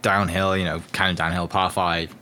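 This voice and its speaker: A man in relaxed casual chat, telling a golf story in an unhurried way. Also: low voice, smooth.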